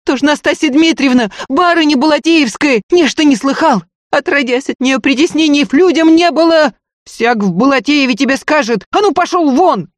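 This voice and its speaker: A reader voicing a fierce peasant nursemaid who shrieks and curses in a high, piercing voice while defending a baby. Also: moderate pace, few pauses, dry recording, natural voice. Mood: shrieking. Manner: wailing, shrill pleading and cursing.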